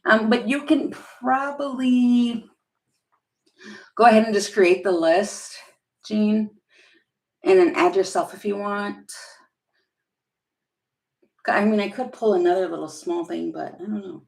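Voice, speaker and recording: A woman's voice: mid-range voice, steady tone, takes it slowly, creaky, pauses often, a little mellow, echoey room. A woman who reads tarot on a live stream, casual and chatty, thinking aloud from home. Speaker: tarot reader. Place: home room with a heater running.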